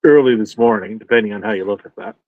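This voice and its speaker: A man's voice: lowish voice, fast, dry recording. Man on a patchy, dull remote call line. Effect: patchy, breaking-up remote call audio. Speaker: remote guest. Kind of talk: casual chat. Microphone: remote call mic.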